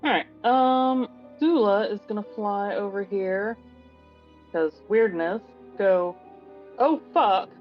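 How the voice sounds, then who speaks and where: A woman's voice: medium pitch, slow pace. A woman playing a tabletop game on a livestream, talking bluntly and offhandedly, with casual swearing. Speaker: player. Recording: lo-fi stream audio with faint music.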